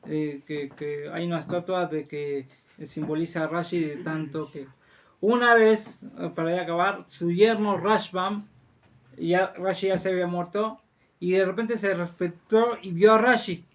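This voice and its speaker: Halting rabbi telling a story. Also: male voice, sits high, steady tone, a bit bright. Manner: halting, with frequent restarts and fillers. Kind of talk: religious storytelling lesson.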